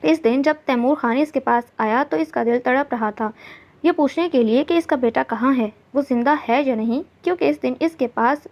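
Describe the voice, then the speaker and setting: A woman reads a novel aloud in a steady, storytelling manner. Her voice sits fairly high for a woman. The recording sounds dull and lo-fi. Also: moderate pace. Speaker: narrator. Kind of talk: audiobook novel reading.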